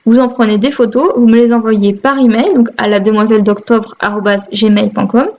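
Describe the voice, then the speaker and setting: A chatty woman with a fairly high voice talks casually at home, full of little fillers and pauses. The sound is a bit dull, like a simple home video recording. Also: fairly even intonation, a little mellow. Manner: chatty, cheerful, many fillers. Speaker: craft vlogger. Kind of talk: casual chat. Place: home room with a Christmas tree.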